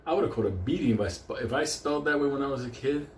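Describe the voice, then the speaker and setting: Heard in an echoey space with faint background noise, a medium-pitched man talks quickly through rambling, profane comedic stories. He swears heavily, laughs often, and acts as storyteller and host. Spanish is his first language, and he comes from Puerto Rico or a Puerto Rican community.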